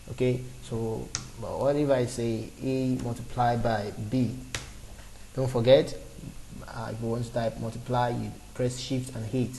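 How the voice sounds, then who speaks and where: With a gravelly, dark, medium-pitched voice, a man in his twenties teaches beginner programming in an unscripted screen recording, stepping through each part with fillers and restarts. The audio is poor and has a little hiss or hum.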